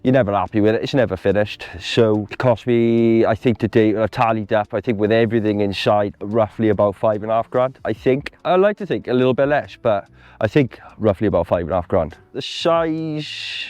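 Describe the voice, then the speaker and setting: A man's voice: on the low side, a little mellow, no echo. A man with a Welsh accent talking casually and candidly about himself, often tagging phrases with "you know" and "like". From Wales. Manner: conversational, with frequent "you know" and "like" tags. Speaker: van dweller being interviewed.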